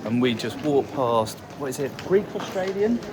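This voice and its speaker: A man's voice: mid-range voice, big pitch swings, normal speed. A man vlogging as he walks a city street, chatty and enthusiastic. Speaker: travel vlogger. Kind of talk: casual travel vlog chat. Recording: street traffic noise. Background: traffic and street noise.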